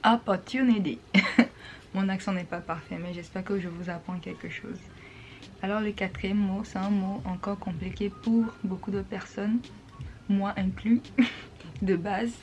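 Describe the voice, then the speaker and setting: A woman vlogger explaining English pronunciation in a casual talk, repeating words slowly and patiently. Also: mid-range voice, steady tone, dull audio, slight background noise.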